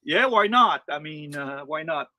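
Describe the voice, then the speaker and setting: Bright, high-voiced Quebec French man interviewing. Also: animated, dry recording, clean studio sound. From Quebec, Canada. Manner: halting, searching for words in English. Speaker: interviewer, channel host.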